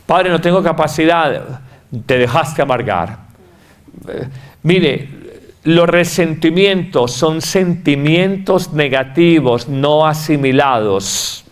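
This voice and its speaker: Predicador paisa de voz algo aguda. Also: male voice, on the high side, smooth. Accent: Colombian Paisa (Antioquia). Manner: emphatic and repetitive, acting out quoted voices. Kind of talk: sermon.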